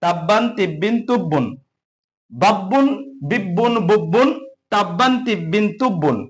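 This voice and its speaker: A man with a Bengali accent teaching Quran reading, slowly spelling out Arabic letters and repeating syllables for learners. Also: sits high, animated. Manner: slow, patient drilling with repeated syllables.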